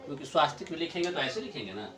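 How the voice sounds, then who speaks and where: Middle-aged guy teaching in a classroom, high lively voice, goes over stuff again and again. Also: a crowd in the background. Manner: explains slowly, repeats points, chuckles often. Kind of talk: classroom grammar lesson.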